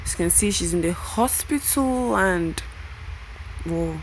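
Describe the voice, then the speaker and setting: A woman's voice: lowish voice, lively intonation, measured pace, slight background noise, rough recording. A young woman casually recapping a web series episode, talking straight to the characters. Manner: chatty, emotional asides to the characters.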